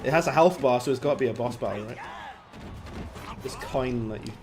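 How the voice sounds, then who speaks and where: With game music and sound effects playing behind him, a Welsh gaming streamer chats and laughs with his viewers while commenting on gameplay. His voice is mid-range and fairly quick.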